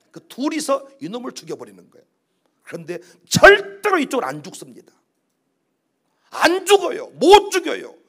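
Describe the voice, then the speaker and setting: A male pastor preaching a sermon, swinging from loud emphatic declarations to low quiet asides and acting out quoted prayers in slow dramatic voices. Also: slightly rough.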